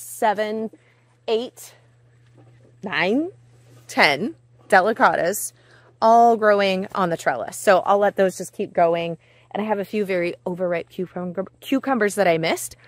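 A woman's voice: medium pitch, a bit bright, no echo. A woman in her forties walks through her vegetable garden outdoors, chatting eagerly to her viewers. She records herself on a phone held at arm's length. Her talk is casual and friendly, the way a homesteading vlogger talks. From Pacific Northwest, US. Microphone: handheld phone at arm's length.

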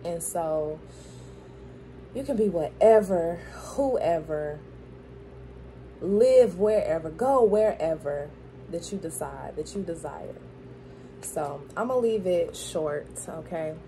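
A Florida tarot card reader gives a casual spiritual pep talk while wearing a dental grill, her lowish, mellow voice expressive and slow with long pauses. She affirms the listener, repeats phrases for emphasis and checks in with "okay?". The recording is rough, with slight background noise.

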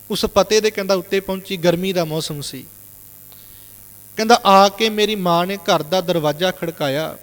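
A male Sikh preacher from Punjab tells a moral story to his congregation. His voice sits high, and he keeps retelling what others said. A long hall reverb follows his words. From Punjab, India. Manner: retells reported speech with constant "he said" tags. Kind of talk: storytelling sermon.

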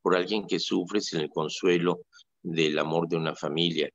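A man, a priest, speaks on his radio show in a low voice while ill and in pain. He wanders through folksy stories with many fillers and pauses. The sound is dry and a little dull and lo-fi. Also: fairly even intonation, fairly bright tone, no room sound. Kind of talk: casual spoken reflection on a radio show.

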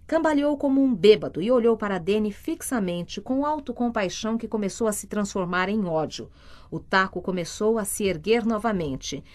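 A woman from Brazil reading a novel aloud as an audiobook narrator, steady and measured. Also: mid-range voice. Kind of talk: scripted narration.

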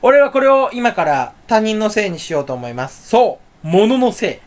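A man talking to himself in a rambling solo monologue. He is self-mocking and erratic, swinging from loud outbursts to low mutters. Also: big pitch swings, normal speed. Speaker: solo talk channel host.

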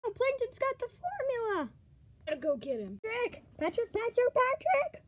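An excitable cartoon sponge played by a woman with a very high voice. The bossy, cheerful hero calls out urgently, in homemade toy play-acting. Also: normal speed, full character voice.

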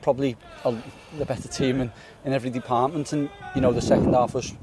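A young man in his twenties, a footballer giving a post-match interview outdoors on a floodlit pitch at night, earnest and repeating words as he thinks. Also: fairly even intonation, quick pace, heavy background noise. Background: faint outdoor stadium ambience.

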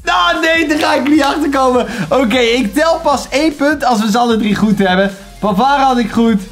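A young man with a Dutch accent, chatting casually and excitedly as he plays a football quiz for his channel, muttering to himself as he guesses. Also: very high-pitched, moderate pace, faint music behind. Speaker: YouTuber playing a quiz. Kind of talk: casual commentary while guessing.

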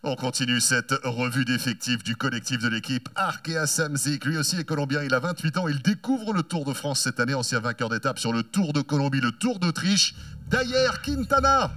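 A man presenting riders on a race podium, stretching out and shouting each name. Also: mid-range voice, fairly quick, few pauses, distant mic. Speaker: podium announcer.

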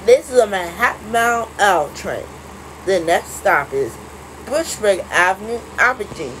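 Lady doing train stop announcements, even and flat, little engine hum in the back. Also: mid-range voice. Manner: flat, measured announcer delivery. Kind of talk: recorded station announcements.

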